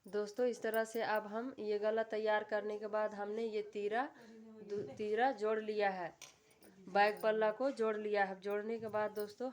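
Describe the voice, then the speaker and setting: A woman giving a calm, step-by-step sewing tutorial, repeating her instructions patiently. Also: mid-range voice, a little hiss or hum. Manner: calm, repetitive instructional voice-over.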